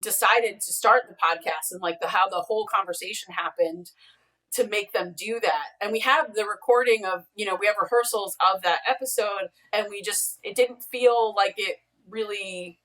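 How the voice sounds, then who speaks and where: On a video call with the mic well away from her, a woman with a mid-range, pushed, bright voice talks at normal speed. As a guest interviewee and the co-creator and showrunner of a podcast, she explains things casually and ramblingly, throwing in emphatic asides.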